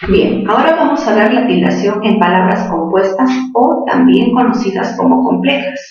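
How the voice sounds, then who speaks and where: A woman's voice: mid-range voice, lively intonation, moderate pace, a little mellow, soft background music. A woman teaching a spelling lesson to students, patiently asking questions and answering them herself. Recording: distant echoey classroom, dull sound.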